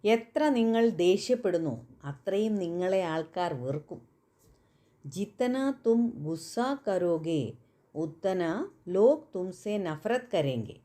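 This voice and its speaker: A woman whose first language is Malayalam teaches Hindi phrases at an unhurried pace. Her voice is soft and mellow, and she repeats every example with care. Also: fairly low pitch, lively intonation. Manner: slow, careful repetition of example phrases. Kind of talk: spoken language lesson.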